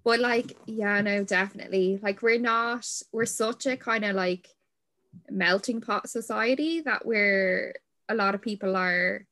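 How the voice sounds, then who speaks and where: A woman hosting a panel chat, agreeing quickly with the guests and leading the questions. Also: medium pitch, fairly even intonation, sharp tone. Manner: quick, affirming, leads the questions. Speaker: host. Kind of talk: conversational panel discussion.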